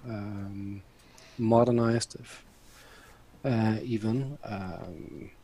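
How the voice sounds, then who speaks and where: A man on a casual panel chat, talking in a hesitant, thoughtful, halting way. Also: on the low side, fairly even intonation, mellow. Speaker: show panelist.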